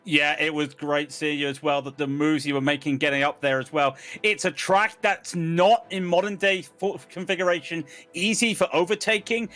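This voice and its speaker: A man's voice: high-pitched, a bit bright. A man with a West Country English accent, interviewing drivers as a paddock reporter in a playful, teasing way. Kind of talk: sports broadcast interview.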